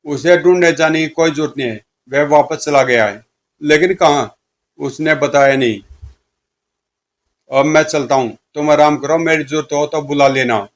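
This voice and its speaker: Sinister servant, curt, cold, slow-spoken, as a man puts him on, horror storybook. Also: fairly high pitch, natural voice. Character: sinister male servant guarding a haunted mansion.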